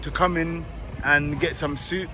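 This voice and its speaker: Man street vlogger, earnest and agreeable, recorded outside over loud traffic. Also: steady tone, unhurried. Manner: pitching an idea, lots of agreeing "yes". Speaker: vlogger and community cook. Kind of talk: street interview. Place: outdoors on a busy street. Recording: loud traffic noise outdoors.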